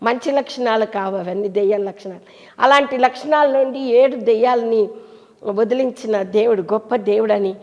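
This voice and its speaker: A woman's voice: medium pitch, warm tone. A woman bishop, leading a televised prayer and sermon in fervent, repetitive, pleading phrases. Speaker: bishop and preacher. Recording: long hall reverb, dull lo-fi sound.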